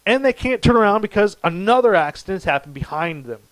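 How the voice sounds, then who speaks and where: A man's voice: high voice, lively intonation, fairly quick, no room sound, low-quality recording. A middle-aged man, co-hosting a casual chat and telling a long rambling story with many restarts. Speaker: podcast co-host.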